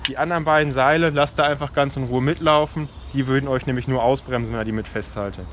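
A climbing instructor in his 20s, medium-pitched and quick with his words, gives an explanatory, informal safety talk and demonstration outdoors at a forest ropes course. Sound comes from a camera mic a few steps away: clear, with outdoor noise, vehicles going by and gear clinking.

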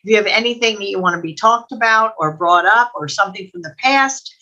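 An older American woman, in her 60s or above, co-hosts a video call from a room at home, chatting casually and rambling conversationally. Her mid-range voice is fairly quick, bright, and forceful, picked up by a computer microphone.

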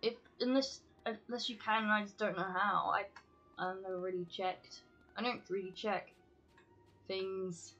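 A woman's voice: mid-range voice, steady tone, a little slow, a bit bright, dull audio, soft background music. A woman chatting casually on a game live-stream, scattered, talking to herself and swearing casually.

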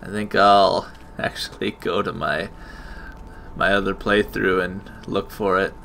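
A man gives casual video game commentary at a slow pace. His voice is gravelly with a forceful edge. He mutters mild exclamations to himself over faint game noise. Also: low voice, flat delivery. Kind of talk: casual let's-play commentary. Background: video game sound.

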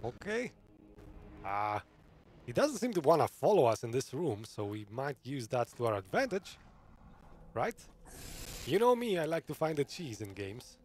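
A man's voice: mid-range voice, big pitch swings, normal speed, long pauses, a little mellow, a little hiss or hum. A man giving live commentary on a game stream, chatty and often laughing, reading viewers' comments aloud. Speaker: gaming streamer.

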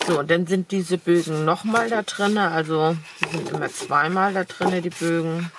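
Despite having a cold, a crafting vlogger chats enthusiastically through a casual haul video, filler words frequent, as she shows craft supplies at her desk. Her voice is on the low side at normal speed, and there's background noise; the camera hangs over the desk, capturing only her hands.

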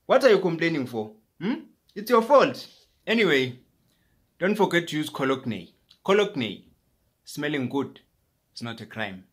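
A South African man with a South African accent giving a mock lecture in a comedy skit, teasing and building to shouts. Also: fairly high pitch, very animated, moderate pace, pauses often, breathy edge. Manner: mock-teaching, rising to shouting.

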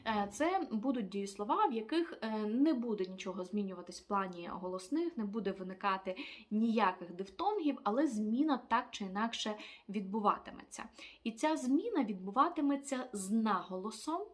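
A woman teaching an online language lesson, explaining step by step with frequent filler pauses. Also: medium pitch, expressive.

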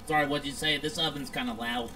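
In a casual online game role-play, a man playing a pizzeria owner stays in character for friendly, polite small talk. His voice is on the high side, steady in tone and quick. Background noise is clearly audible.

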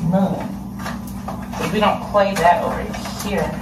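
She takes it slowly, her voice fairly low and steady, as she chats to viewers while cooking at home. This young cooking vlogger in her twenties is recorded from a camera across the room, so the echoey kitchen sound is very noisy, full of clattering pots, pans and dishes on a distant mic.

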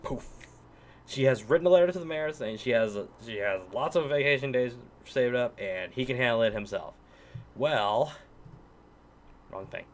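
A man's voice: medium pitch, animated, normal speed, long pauses. A man giving a crude, rambling ranting commentary. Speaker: reviewer being critiqued.

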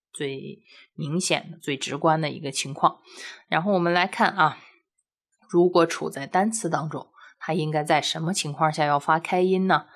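A woman with a low-pitched voice gives a recorded language lesson. She explains patiently, step by step, and keeps checking in with rhetorical questions. Now and then she slowly sounds out practice syllables for her students. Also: a bit bright. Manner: drills syllables aloud slowly. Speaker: language teacher.

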